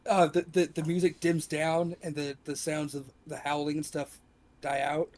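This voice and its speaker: A man chatting casually as a player in a tabletop game, excited and stumbling over his words. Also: a little high, moderate pace. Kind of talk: casual chat.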